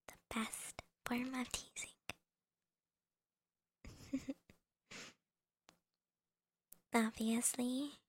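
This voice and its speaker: A young woman whispers right up against the microphone in an ASMR girlfriend roleplay, her voice airy, breathy and full of gravelly fry. She teases softly, slips in small laughs, and keeps her pitch a little high but barely moving, with an unhurried pace. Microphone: close microphone.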